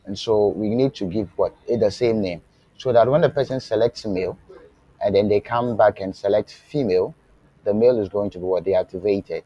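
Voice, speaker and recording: On a muffled recording with no room sound, a man with a lowish, dark-toned voice teaches web development in a live online session. Speaking slowly and deliberately, with fillers and restarts, he keeps prompting "what?" so the class can answer and checks they're following along. His voice is faint at times over the remote connection.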